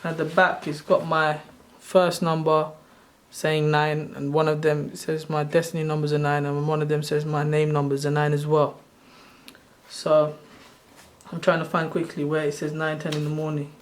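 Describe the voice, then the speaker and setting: A man in his thirties, from Sri Lanka, walking viewers through a tutorial on his screen. His voice sits a little high for a man and stays flat, with little rise and fall. He wanders off track and corrects himself mid-sentence, like someone chatting casually rather than reading a script. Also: moderate pace. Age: 30s. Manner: loose, rambling explanation with self-corrections. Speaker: channel host.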